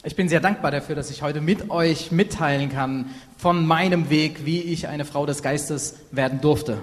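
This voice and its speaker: A man interpreting a sermon live, halting and filling pauses with ums while correcting himself. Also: on the high side. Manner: halting, many fillers and self-corrections. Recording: reverberant hall.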